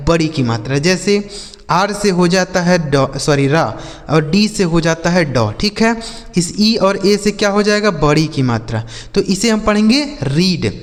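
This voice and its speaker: A man teaching a spoken lesson, spelling letters out slowly and repeating questions to the viewers before answering them. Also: sits high, big-room sound. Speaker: English teacher.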